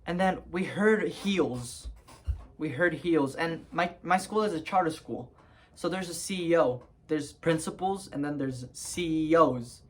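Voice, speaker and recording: A man's voice: fairly high pitch, measured pace. Young man rambling through a storytime. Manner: rambling, lots of fillers and restarts, laughs at himself. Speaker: vlogger telling a story. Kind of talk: casual storytime.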